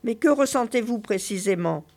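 A woman's voice: fairly high pitch, animated, moderate pace, a little mellow. A woman reading the part of a pious, earnest male hospital doctor with a polite, formal bedside manner.

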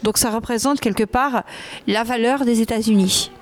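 A woman's voice: on the high side, normal speed, a little hiss or hum. A woman moderating a talk, adding long, wordy commentary broken up by frequent fillers. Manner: elaborate and wordy, with many fillers. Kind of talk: formal commentary.

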